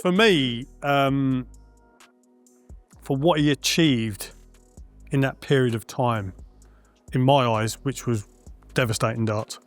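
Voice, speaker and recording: A man's voice: medium pitch, slow pace, long pauses, soft background music. A man talking as a darts guest in a casual panel discussion, frank and friendly, with plenty of "um" and "listen". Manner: frank and friendly, with many fillers and hedges. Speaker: darts guest and former player.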